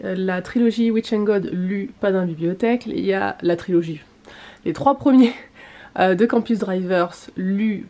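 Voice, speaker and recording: This book vlogger has a warm, mid-range voice and chats casually about her books with plenty of fillers. Her voice is going, she says, and she keeps clearing her throat.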